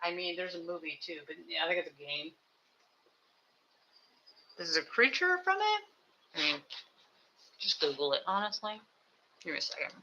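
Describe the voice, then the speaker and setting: Rambling home streamer with a sharp, bright voice who chats and builds at the same time. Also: medium pitch, sing-song, normal speed, pauses often, poor audio. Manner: chatty, thinks aloud, self-mocking asides. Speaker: live streamer building toy sets. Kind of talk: casual rambling chat while building. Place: home desk with two computers.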